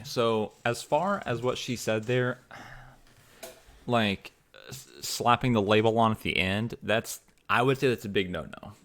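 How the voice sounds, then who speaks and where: A man's voice: lowish voice, fairly bright tone. A man streaming live, talking over a video in a loose, rambling way, often repeating words and asking "right?". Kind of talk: casual live-stream commentary.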